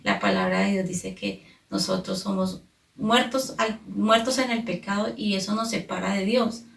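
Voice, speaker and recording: A woman's voice: mid-range voice, fairly even intonation, normal speed, creaky. A woman with a Colombian accent giving an earnest Bible sermon to families and children, explaining the scripture step by step. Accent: Colombian Spanish. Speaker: children's program preacher. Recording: echoey room, distant mic.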